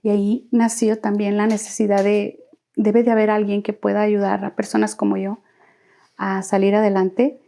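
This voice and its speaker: A woman's voice: medium pitch, level tone, moderate pace, creaky, warm tone. A woman recounting her life story as an interview guest, earnestly acting out quoted dialogue.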